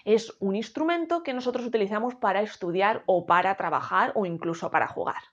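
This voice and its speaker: A woman from Spain explaining a grammar lesson in clear, slow teacher talk, breaking words into syllables one by one. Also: medium pitch, lo-fi sound. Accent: Spain Spanish. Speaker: educator.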